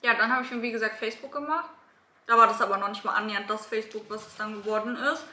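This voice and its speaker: A young woman chats casually as a YouTube host. Her voice is fairly high and bright, picked up in an echoey room. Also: steady tone, rapid-fire. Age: 20s. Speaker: YouTuber hosting a mukbang. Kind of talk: casual chat. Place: small room at a dining table. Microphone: camera a few feet away. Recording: echoey room, camera at a distance.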